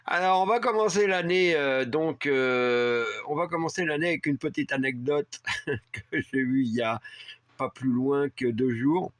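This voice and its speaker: A man's voice: medium pitch, a little slow, dry recording. Rambling man telling a story, dry sound. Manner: rambling, many fillers and restarts. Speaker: vlogger. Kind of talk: casual storytelling. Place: rural home heated by a wood stove.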